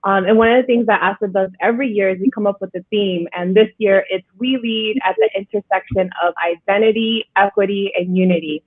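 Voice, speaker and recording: A woman's voice: mid-range voice, a little fast, hardly any pauses, slightly rough, no echo. A woman hosting a livestream interview, upbeat and inviting, with some fillers. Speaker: livestream host. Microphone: video call. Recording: dry, phone-like video call audio.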